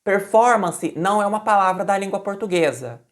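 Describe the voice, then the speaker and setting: A woman explaining a language lesson in a conversational way, repeating example words slowly and with loud emphasis, with frequent restarts. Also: medium pitch, lively intonation. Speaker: Portuguese language teacher.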